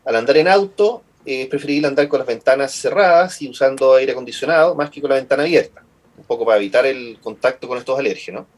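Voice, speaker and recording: This mid-range male voice talks fast, with a Chilean Spanish accent. As a lung doctor guest giving explanatory interview answers, he explains at length, patient but frequently repeating words as he works out how to phrase things.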